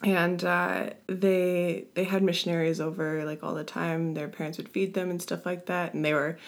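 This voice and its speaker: Young woman telling stories on a podcast, giggly and casual, lowish voice, bit mumbly after wisdom teeth out. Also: level tone, normal speed. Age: young adult. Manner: giggly, filler-heavy. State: mouth slightly muffled after wisdom tooth removal. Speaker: podcast guest. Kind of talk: casual conversational storytelling.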